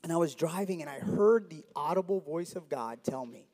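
A man's voice: a little high, expressive, moderate pace. A man from South Florida in his forties gives an earnest testimony to a church, with touches of humor. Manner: earnest, warm, with light humor. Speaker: church member giving testimony. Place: church hall. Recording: long reverb of a church hall.

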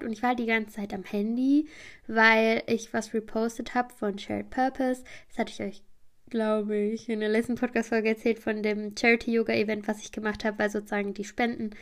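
A woman's voice: a little high, little pitch movement, brisk. A woman hosting a podcast, telling a story in a rambling, chatty way with many fillers. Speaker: podcast host.

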